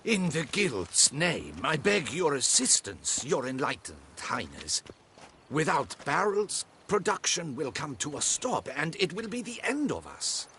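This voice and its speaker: An actor voicing an anxious guild merchant in a video game, speaking deferentially and pleadingly to a ruler. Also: male voice, a little high, huge pitch swings, a little slow, bright, forceful tone, slight background noise, heavily acted.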